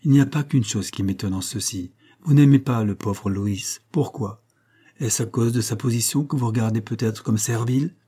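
Un homme jouant une jeune femme douce et ferme. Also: male voice, mid-range voice, moderate pace, mellow, husky, lightly acted.

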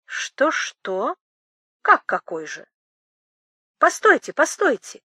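A wildly excited man, his voice bleating and high, exclaiming in breathless bursts, as a woman reads him out. The tone is bright and forceful, recorded dry and close. He sounds like a grown man turned into a child by joy. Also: slow pace, breathy edge, no echo, full character voice. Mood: ecstatic.

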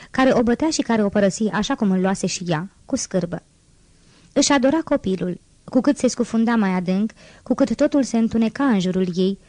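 A woman reading a classic novel aloud in a steady, measured narration. Her voice is mellow and dark, close and dry with no room sound. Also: medium pitch, no echo. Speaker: audiobook reader. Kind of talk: scripted narration.

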